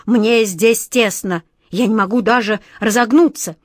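Brief: a woman playing a huge cowardly genie in a storybook, trembling and begging, drawn-out whines, dry booth sound. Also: on the high side, no echo. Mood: pleading, fearful. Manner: trembling, pleading, slow drawn-out wails. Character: frightened whiny male genie, huge and hairy. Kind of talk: audiobook reading.

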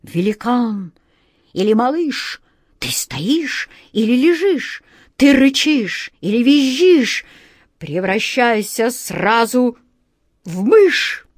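A woman voicing an excitable striped male cat wizard who talks fussily and gabbles shrilly when upset. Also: mid-range voice, slow pace, dry recording, studio quality, full character voice. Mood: spellcasting.

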